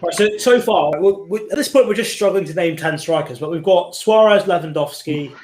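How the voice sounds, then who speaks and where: A man's voice: high-pitched, fairly quick, a little mellow, reverberant, a little hiss or hum, rough recording. A young man hosting a football watchalong stream, chatting and thinking aloud. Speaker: stream host. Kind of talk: casual football chat.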